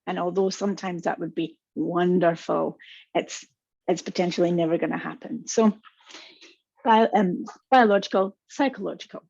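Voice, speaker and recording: Her voice sits on the low side, gravelly with a breathy edge, at a moderate pace. She's a Scottish counsellor with a strong accent presenting a webinar, warm and reassuring, addressing the audience directly. The recording is dry, dull and lo-fi.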